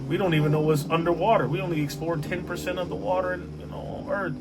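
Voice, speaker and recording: A man hosting a reaction video, talking casually and excitedly and swearing freely. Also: fairly high pitch, loud music behind the voice. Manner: excitable, swearing, quick to jump in.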